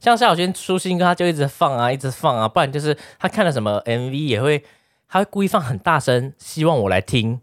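A woman with a Taiwanese Mandarin accent chats quickly and casually on a podcast. Her pitch swings widely as she mimics the people in her stories. The sound is close and dry, with no room in it. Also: no room sound. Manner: animated, acts out others' voices. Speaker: podcast co-host. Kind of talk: casual chat.

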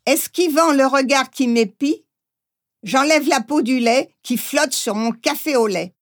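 A woman narrating a first-person memoir audiobook in a measured reading voice. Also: high voice.

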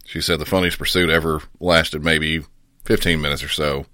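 A man's voice: rumbling low, little pitch movement, moderate pace, pushed and bright, dry recording, clean studio sound. A man hosting with casual, conversational commentary. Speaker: host reviewing police pursuits.

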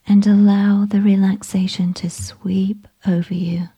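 A woman whispering a slow, soothing guided meditation with gentle instructions. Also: mid-range voice, flat delivery, slightly rough.

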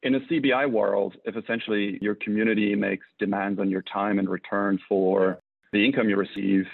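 A low, gravelly man interviews a guest, posing probing questions conversationally. His voice is husky, and it comes through a dry, narrow, phone-like recording. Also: little pitch movement, a little fast, no echo. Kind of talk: radio interview.

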